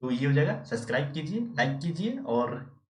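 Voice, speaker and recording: A man's voice: fairly high pitch, very animated, normal speed. A man teaching history as a quiz host, asking questions and answering them himself, and answering viewers by name. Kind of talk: live quiz lesson. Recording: echoey room, distant mic.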